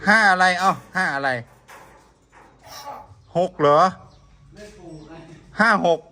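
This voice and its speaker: A man's voice: high voice, extremely slow, sharp tone. A man with a Northeastern Thai accent chatting casually and coaxingly, repeating short questions insistently. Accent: Northeastern Thai (Isan). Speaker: video host talking to a pet bird.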